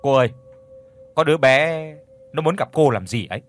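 A humble young farm servant answers his mistress politely, a little loud and lively in tone , as a male storyteller voices him. He belongs to a spoken storybook. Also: a little high, normal speed, natural voice. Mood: deferential. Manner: deferential, eager to please.

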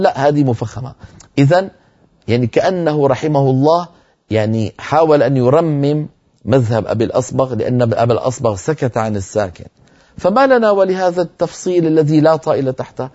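Man, middle-aged, recitation teacher who lectures patiently, drawing out example words; warm, dark tone on muffled lo-fi audio. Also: mid-range voice. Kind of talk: classroom lecture on recitation rules.

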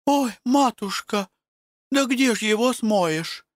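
A male reader voicing frightened village women who wail and plead in high shrill voices. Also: animated, takes it slowly, no room sound, studio quality, exaggerated voice. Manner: wailing, pleading.

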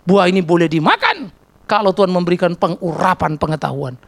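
Blunt, gravelly preaching man. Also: sits high, very animated, fairly quick. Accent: Indonesian. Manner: blunt, teasing, acts out dialogues. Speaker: pastor. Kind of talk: sermon.

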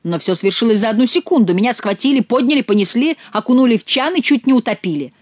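A woman voicing an angry male courtier who swears and tells of his rough treatment in an audiobook. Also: on the high side, expressive, fast talker, darkish tone, no echo, pitched above the performer's own voice. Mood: agitated. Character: furious male courtier dyed blue.

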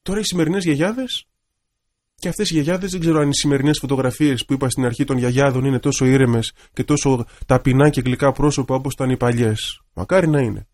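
A man, an Orthodox priest, giving a radio sermon in a gentle, reflective storytelling manner. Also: medium pitch.

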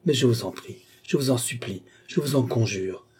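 A man's voice: mid-range voice, moderate pace, darkish tone, breathy edge. A man voicing a desperate young woman who pleads and cries out in anguish, in an audiobook reading. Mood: desperate pleading. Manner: anguished, pleading, rising to outcries. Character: desperate young woman cursing her fate.

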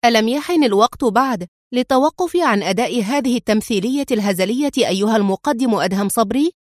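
A woman's voice: a little high, expressive, fast talker, dry recording, studio quality, lightly acted. A woman voicing a cunning, charming female spy who sounds sweet on the surface and sly underneath, in a storybook reading.

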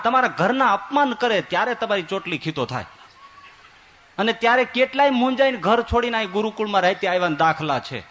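A man giving a sermon as a swami, telling stories with voiced quotes and swinging from loud to soft. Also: high voice, slight background noise. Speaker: swami preacher.

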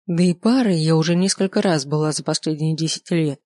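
Grumbling, defiant young heroine for an audiobook, put on by the reader, pitched up, dry recording. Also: a little fast, darkish tone, no echo, natural voice. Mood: grumpy. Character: sharp-tongued young woman werewolf heroine. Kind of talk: audiobook character voice.

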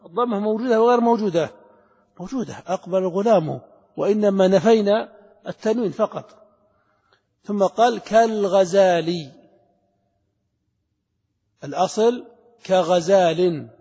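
In a lo-fi recording from a lecture hall full of long reverb, a middle-aged man with a high, mellow, slightly rough voice gives a grammar lesson. He puts questions to his students and repeats the key words to make them stick.

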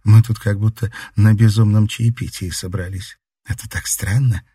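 A man's voice: on the low side, steady tone, normal speed, mellow, husky, dry recording, studio quality, voice pushed up. A man voicing a dreamy, wry young woman patient. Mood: musing. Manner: musing, wry, matter-of-fact.

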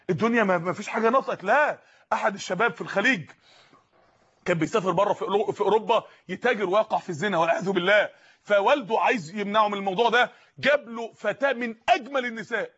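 A man with an Egyptian Arabic accent preaching a sermon in an impassioned way, raising his voice to shouts. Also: sits high, husky. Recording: muffled lo-fi recording.

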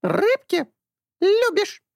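A tiny talking bird in a storybook, squawking way up high in short broken words, drawn out slow and stubborn, dry close sound with no room around it. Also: male voice, wildly swooping pitch, creaky, no room sound, exaggerated voice. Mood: pleading. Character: small talking bird, stubborn, timid, hungry. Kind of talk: audiobook character voice.

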